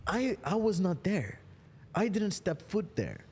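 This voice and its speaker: This male podcast host from the Netherlands has a high, sing-song, unhurried voice with a darkish, breathy edge and long reverb. Fired up and emphatic, he drops swears for emphasis in hyped motivational podcast talk.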